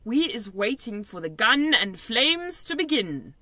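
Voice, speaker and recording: A woman's voice: a little high, big pitch swings, a little slow, pushed and bright, no room sound, exaggerated voice. A woman voicing a kindly male storybook giant who explains things earnestly in muddled grammar. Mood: hushed anticipation.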